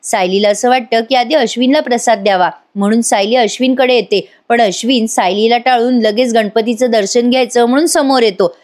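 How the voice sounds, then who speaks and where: A woman narrating a voice-over recap of a television episode in a chatty storytelling way. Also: on the high side. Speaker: serial review narrator.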